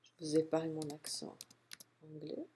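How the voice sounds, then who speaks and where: A woman calmly walking through a software tutorial step by step, narrating her clicks. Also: deep voice, slight background noise. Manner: calm step-by-step explaining, unhurried. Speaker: software instructor. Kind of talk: screen-recorded software tutorial.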